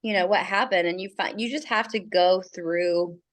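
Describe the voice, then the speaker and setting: Low-voiced earnest woman guest. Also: fairly even intonation, moderate pace. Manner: earnest, reflective, many "you know" fillers. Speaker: podcast guest. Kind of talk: casual heartfelt chat.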